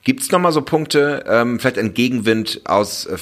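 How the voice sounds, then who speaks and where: A man's voice: medium pitch, animated, normal speed. A man hosting a podcast interview, asking long rambling questions full of fillers. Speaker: podcast host.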